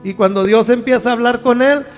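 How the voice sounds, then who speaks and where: A man with a strikingly high voice preaching a sermon in a relaxed, conversational way. He keeps asking the congregation whether they follow him. His voice rings with the long reverb of a large hall, and faint music plays underneath. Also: brisk. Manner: conversational preaching with many rhetorical questions. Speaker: pastor.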